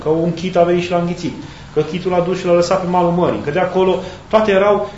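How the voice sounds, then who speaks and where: A man preaches in a fairly high voice, calm and reflective, often pausing to find the right word. The sound is roomy and a little dull, with a faint hiss behind him. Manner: thoughtful, searching for words with pauses and restarts. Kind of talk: sermon.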